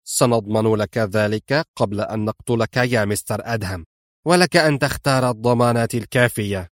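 A man's voice: on the low side, a little fast, no echo, studio quality, close to an everyday voice. A man reading an audiobook and voicing a cunning, smug old male villain in a wheelchair. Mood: sly, smug. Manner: smug, mocking, theatrical.

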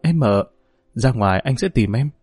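A man's voice: mid-range voice, lively intonation, moderate pace, a little mellow, husky, no echo, studio quality, soft background music. A man voicing an anguished young male prisoner who speaks with passion and pleading. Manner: impassioned, pleading.

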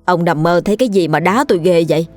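A woman reader plays a middle-aged wife who is blunt and quick to complain, nagging her husband in a plain, everyday voice. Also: on the low side, darkish tone, faint music behind, natural voice. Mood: irritated.

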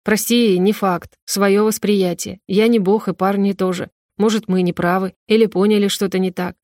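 A woman reading the part of an agitated young man who pleads with and lectures his girlfriend in a slow, insistent way, in an audiobook. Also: mid-range voice, fairly even intonation, darkish tone, no room sound, clean studio sound, lightly acted.

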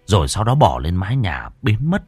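Husky, lively storyteller. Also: male voice, low voice, moderate pace, no room sound. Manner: expressive, theatrical delivery. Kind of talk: dramatic horror story narration.

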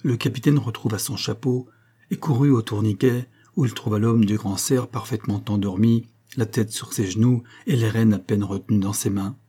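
Man narrating an audiobook, low dark voice, kinda husky. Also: fairly even intonation, moderate pace. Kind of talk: scripted narration.

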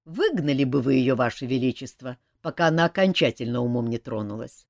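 A man's voice: mid-range voice, lively intonation, brisk, creaky, dry recording, studio quality. A woman voicing a wry man at court who jokes and teases. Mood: teasing. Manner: wry, joking. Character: mocking, teasing man at court.

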